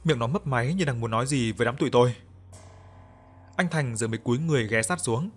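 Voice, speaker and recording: A man narrating a story in the first person, with a somber, measured reading and acted dialogue. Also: medium pitch, husky, soft background music.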